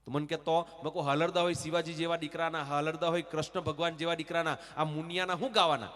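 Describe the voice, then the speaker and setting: Brief: male stage comedian from the Surat region, Surati accent, bright lively delivery, long hall reverb. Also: fairly high pitch, quick pace. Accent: Surati Gujarati. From Surat region, Gujarat. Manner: animated storyteller, acts out dialogue, breaks into song. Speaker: stage comedian and folk performer. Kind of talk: live comic storytelling with sung lullabies. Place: stage at a temple festival, live audience.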